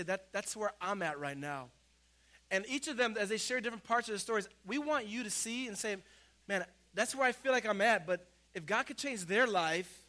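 Loud encouraging pastor addressing his congregation. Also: high-pitched. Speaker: pastor introducing speakers. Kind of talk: church service hosting.

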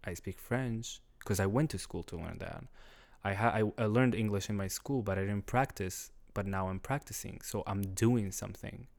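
A young Syrian man whose first language is Arabic tells his story as a guest in a relaxed conversation. His voice sits low with plenty of gravelly fry, and he speaks haltingly, often pausing to search for the right English word and laughing often.

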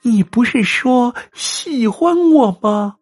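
A man voicing a vengeful young female ghost who haunts a puppet, sweet on the surface and shrill and accusing underneath. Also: lively intonation, takes it slowly, slightly rough, heavily acted.

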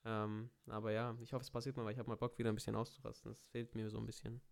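A man's voice: on the low side, very fast, creaky, smooth. Chatty young man telling stories. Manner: chatty storyteller, slangy, animated quoting. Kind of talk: casual chat.

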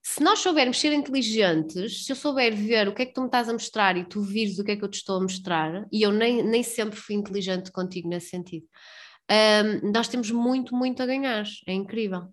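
A woman's voice: medium pitch, a little fast. A woman chatting casually in a talkative, slangy, emphatic way. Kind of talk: casual chat.

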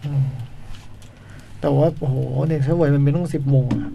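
A man's voice: a little high, steady tone, moderate pace, vocal fry, dull audio. A man in a casual chat who keeps asking blunt, teasing questions. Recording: crowd noise behind.

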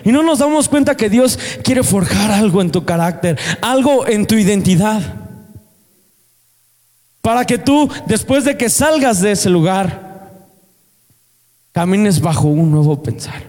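A man's voice: high voice, lively intonation, unhurried, pauses often, a little mellow. A man with a Mexican accent preaching a sermon, earnestly asking the congregation questions. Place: church hall. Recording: long hall reverb.

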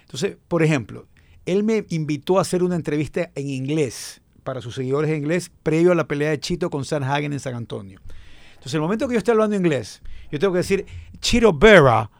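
A man's voice: fairly high pitch, quick pace, creaky, no room sound. A man with an Ecuadorian Spanish accent hosting a sports show, telling stories emphatically in casual panel debate. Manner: animated storyteller, emphatic.

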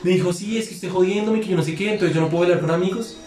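A man's voice: high-pitched, rapid-fire, a little mellow, roomy sound, slight background noise. A young man telling a long story among friends, slangy and profane, acting out both sides of a quarrel. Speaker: podcast guest.

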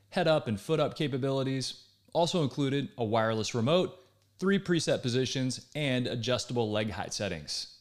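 Man reading a trade news story. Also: medium pitch. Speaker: news reader. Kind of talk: scripted news narration.

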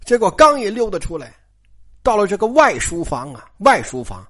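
Chatty, animated storyteller; wide-ranging pitch, audience asides. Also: moderate pace. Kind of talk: lively storytelling retelling a classic novel.

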